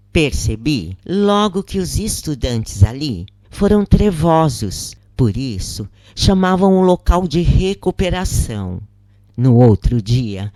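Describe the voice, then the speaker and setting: In a mellow, medium-pitched voice with a Brazilian accent, a narrator reads a scripted first-person spiritual account. The delivery is measured and deliberate with brief pauses between phrases, and there is no echo.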